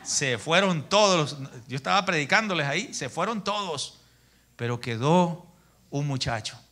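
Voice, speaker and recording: A middle-aged man preaching a sermon in a church, telling stories in an animated way and calling his listeners brother. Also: a little high, a little slow. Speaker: pastor.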